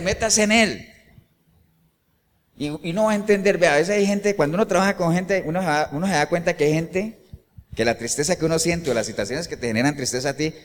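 A male pastor delivering an animated sermon, often putting rhetorical questions to the congregation. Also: on the high side, big-room sound.

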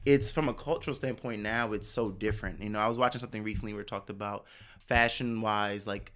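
Man, host, bright voice, casual chat, animated, filler-heavy. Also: fairly low pitch, fast. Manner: animated storyteller, many fillers.

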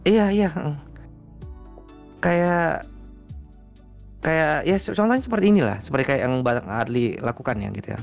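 Gravelly-voiced male streamer, chatty. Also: a little high, moderate pace, pauses often, soft background music. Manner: relaxed, rambling, many fillers. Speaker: guest streamer. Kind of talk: casual interview chat.

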